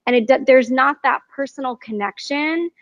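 A woman co-hosting a casual talk show, explaining her view in a measured, thoughtful way. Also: high voice, dry recording. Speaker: podcast co-host. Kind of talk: casual conversation. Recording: dull, dry sound.

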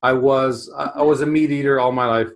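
A man in his forties from Canada hosting an interview, friendly and halting, often repeating his words. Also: mid-range voice, steady tone. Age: 40s. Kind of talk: conversational interview.

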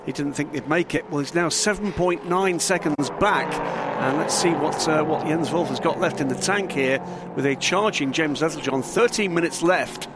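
A man's voice: on the high side, moderate pace. A man giving live race analysis as a motorsport commentator. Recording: clear trackside engine and vehicle noise. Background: car engines and outdoor track ambience.

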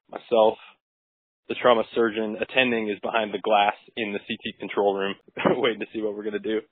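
A man, a physician, casually recounting a case on a podcast with relaxed, wry and crude asides. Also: medium pitch, husky, no echo. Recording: tinny dry phone-like recording.

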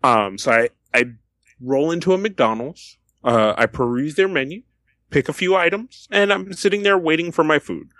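A young man co-hosting a casual podcast, who tells an animated story full of restarts and laughter. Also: a little high, moderate pace, no room sound, clean studio sound. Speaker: podcast co-host. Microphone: podcast microphone.

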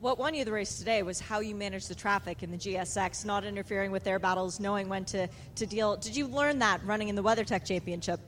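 A woman's voice: mid-range voice, quick pace, hardly any pauses, a little hiss or hum. A woman reporting from pit lane, interviewing winners in a breezy, joking manner. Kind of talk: post-race interviews.

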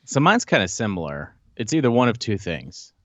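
A man joins a podcast as a guest, joking and teasing in a casual way. His voice sits a little low and sounds slightly dull and lo-fi. The sound is dry. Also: sing-song, moderate pace, fairly bright tone, no echo.

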